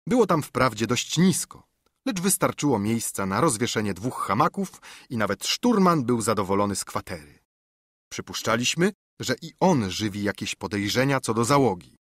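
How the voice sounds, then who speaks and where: Brief: male audiobook narrator, husky, animated delivery, dry close sound. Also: mid-range voice, moderate pace, dry recording. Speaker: audiobook reader. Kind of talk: scripted narration.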